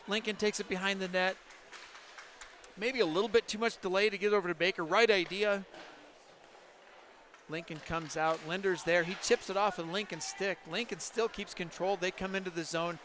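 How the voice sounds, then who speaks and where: High-voiced excited hockey play-by-play man. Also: slight background noise. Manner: rapid excited calls that rise to shouts. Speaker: play-by-play commentator. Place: ice rink.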